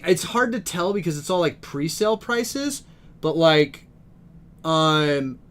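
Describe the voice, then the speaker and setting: A young man at a game store reading card names aloud on a live stream and chatting with viewers, easily excited by good pulls. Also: sits high. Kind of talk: live-stream pack opening commentary. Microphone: desk microphone.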